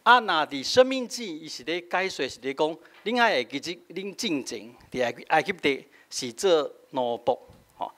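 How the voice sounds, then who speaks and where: A man's voice: fairly high pitch, expressive, normal speed, fairly bright tone. A middle-aged man with a Taiwanese accent, a pastor explaining scripture in a teaching sermon, tagging his sentences with a short "hah". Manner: explanatory, frequent filler "hah" tags, switching between Taiwanese and Mandarin.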